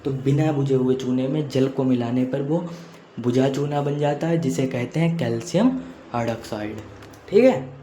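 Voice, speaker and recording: A man's voice: mid-range voice, moderate pace, mellow. A man teaching a chemistry lesson, repeating points and often checking in with students. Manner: repeats points, frequent "theek hai" check-ins. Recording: echoey room with faint noise.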